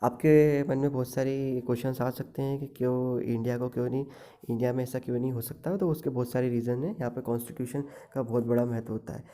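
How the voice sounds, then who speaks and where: A man teaching an exam-prep lecture, explaining in Hindi and reading English textbook lines slowly, with fillers and restarts. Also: mid-range voice, fairly even intonation, warm tone, low-quality recording.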